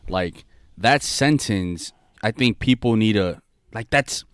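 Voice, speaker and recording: A man's voice: on the low side, animated, slow, clear, resonant tone, no room sound, studio quality. A man in his late twenties co-hosting a podcast, talking in a laid-back, slangy, reflective way. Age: late 20s. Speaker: podcast co-host. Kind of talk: casual podcast chat.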